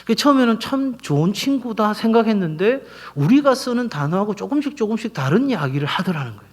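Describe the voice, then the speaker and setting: A man's voice: high voice, fast talker. A middle-aged man preaching as senior pastor of his church, telling stories and acting out the quoted voices. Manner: animated storytelling, acts out quoted voices. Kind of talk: sermon.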